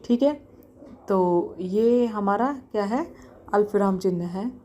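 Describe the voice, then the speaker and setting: A young woman teaching a casual grammar lesson, often repeating examples slowly and asking herself questions as she explains. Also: medium pitch, warm tone, a little hiss or hum.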